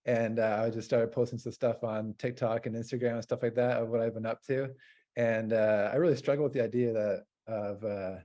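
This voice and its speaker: A man's voice: mid-range voice, steady tone, brisk, mellow, lo-fi sound. Hesitant, rambling male farmer host. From North America. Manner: hesitant, rambling with many fillers. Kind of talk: casual interview chat.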